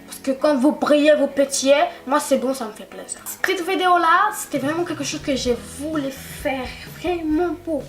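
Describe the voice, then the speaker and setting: A woman's voice: sits high, a little hiss or hum. A woman vlogger chatting casually and directly to her subscribers, repeating words for emphasis, recorded at home at night on a camera-mounted mic. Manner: repetitive, keeps stressing "vraiment"; talks straight to the viewer. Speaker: YouTube vlogger. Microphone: camera-mounted shotgun mic.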